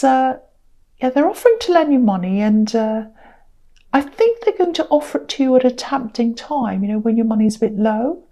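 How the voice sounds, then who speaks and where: A woman giving a casual tarot reading to camera, unhurried and repetitive with many ums, tired and speaking through a sore throat. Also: fairly high pitch, warm tone. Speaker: tarot reader.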